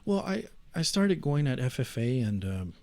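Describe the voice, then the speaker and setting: A man's voice: mid-range voice, very animated, moderate pace, mellow, dry recording. A man who plays arcade fighting games, answering interview questions earnestly with some stumbling restarts. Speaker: podcast guest, arcade fighting game player. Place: podcast studio.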